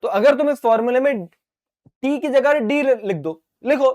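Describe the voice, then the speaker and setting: Unhurried and playful, a high-voiced, middle-aged physics teacher lectures online to students preparing for exams. He addresses them as his dear children and plays out mini dialogues by responding to his own questions like a student. All the talking has left his throat a bit sore.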